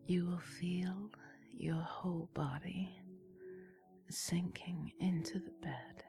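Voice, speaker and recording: A woman giving a guided sleep relaxation like a sleep story narrator, in a soft breathy whisper, soothing and gently instructing with long pauses. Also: lowish voice, fairly even intonation, background noise. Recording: soft music with singing bowl behind. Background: relaxation music.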